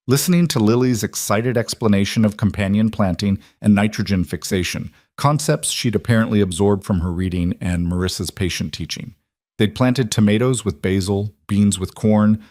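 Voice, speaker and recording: Male narrator, low voice, measured scripted storytelling, dry close mic. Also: a little mellow, no room sound.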